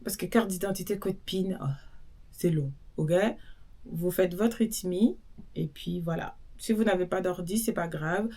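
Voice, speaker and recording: A young woman, a social worker chatting straight to viewers with practical advice and lively asides. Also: lowish voice, unhurried. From Belgium. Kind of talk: casual advice vlog.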